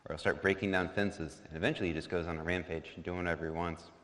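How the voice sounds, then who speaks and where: A man's voice: low-pitched, fairly even intonation, fast talker, a bit bright. A man telling a folk story to a congregation in a casual, joking way, full of fillers and asides. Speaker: storyteller at a worship service. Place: church sanctuary. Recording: long hall reverb.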